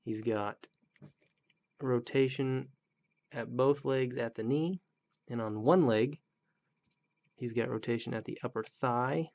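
A man's voice: mid-range voice, takes it slowly, long pauses, a little mellow. A man in his thirties reviewing an action figure in a blunt, grumbling, critical way, on a dull lo-fi recording. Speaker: toy reviewer. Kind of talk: casual product review.

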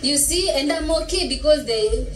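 A woman's voice: high voice, animated, moderate pace. A woman from Kenya with a Kenyan accent, answering questions in a casual street interview. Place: outdoors on a busy city street. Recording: echoey street recording, faint noise.

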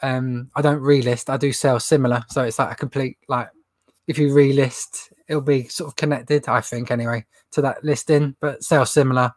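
Speaking at a normal pace in a medium-pitched, steady voice, a young adult reseller runs a relaxed livestream Q&A from a shelved stock room indoors. His nose is runny, he rambles in a chatty way, and he laughs at his own jokes. There's no room sound.

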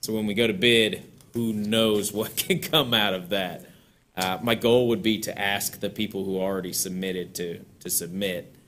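Low-voiced man rambling at a meeting. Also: steady tone, normal speed, a bit bright. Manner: casual, rambling, chuckles between points. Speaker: parks director presenting to a board. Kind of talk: public meeting discussion. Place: town council chamber, indoors.

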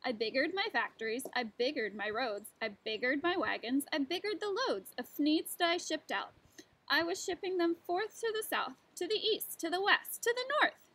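Woman teacher reading a rhyming kids book, expressive bouncy rhythm, high clear voice. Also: normal speed. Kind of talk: storybook read-aloud for children.

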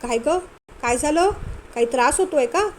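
A kindly mother-in-law who scolds the quarrelling couple with affection, read by a woman narrator. Her voice sits high. There is a faint hum in the background. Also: animated, moderate pace. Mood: chiding. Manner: affectionate, chiding. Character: gentle older mother-in-law.

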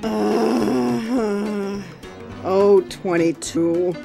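A woman's voice: mid-range voice, very slow, creaky, heavily acted. A woman playing a weary, put-upon bingo caller, politely formal, in a comedic audio drama. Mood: bored. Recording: loud music under the voice.

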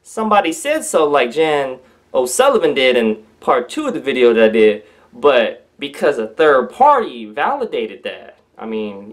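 Brief: young male vlogger, casual commentary, excitable, exclaims and trips over words. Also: on the high side. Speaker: vlogger reading and commenting on a letter.

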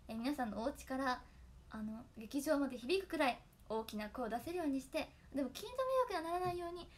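A young woman chatting casually to fans, reciting tongue twisters and giggling often. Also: high voice. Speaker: idol trainee talking to fans. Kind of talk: casual solo stream chat.

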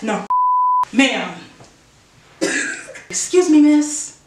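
A woman hosting a music reaction video, talking casually and excitedly, swearing often, laughing and singing along. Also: high voice, extremely slow, background noise. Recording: roomy echo, mic at a distance, music playing. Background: song playing.

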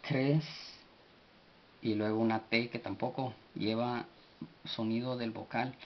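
A man giving a spoken language lesson, slowly spelling out words letter by letter with many pauses and fillers. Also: mid-range voice, level tone. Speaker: language teacher. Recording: dull recording with faint hiss.

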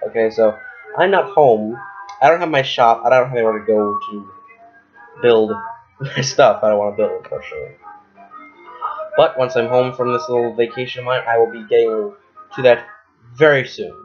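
A man's voice: medium pitch, moderate pace, pauses often. Young guy rambling casually on a vlog, um-ing a lot, kinda dull lo-fi audio w faint music. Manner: rambling, chatty, frequent ums and laughs. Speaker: maker selling wooden replica guns.

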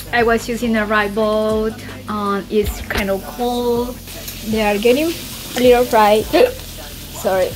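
A vlogger in her forties with a Colombian Spanish accent talks slowly and haltingly through a recipe in her home kitchen for a casual cooking vlog, explaining step by step with fillers. Her voice is fairly high, and she's filmed on a phone camera held at arm's length, with a noisy background and music playing over her talk.

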